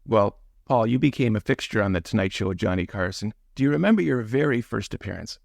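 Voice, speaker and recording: A man's voice: lowish voice, lively intonation, fast, creaky, no echo, clean studio sound. A man hosting a podcast interview, affable, asking questions and reading an upbeat promo.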